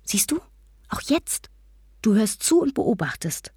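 An eager, secretive teenage girl, put on by a woman narrator in a storybook reading. Her voice sits higher than the narrator's and stays husky-soft. The read is dry and close. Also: big pitch swings, a little slow, dry recording, exaggerated voice. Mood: earnest.

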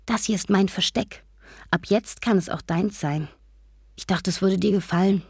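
A woman voicing a lively, secretive teenage girl who talks in an eager, confiding way. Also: medium pitch, moderate pace, breathy edge, dry recording, clean studio sound. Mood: earnest.

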